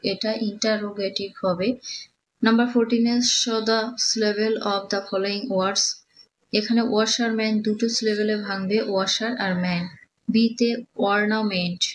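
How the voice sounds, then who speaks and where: Slow-spoken woman teacher. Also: mid-range voice, a little hiss or hum, poor audio. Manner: reads English questions slowly, explains in Bengali. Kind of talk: exam answer walkthrough.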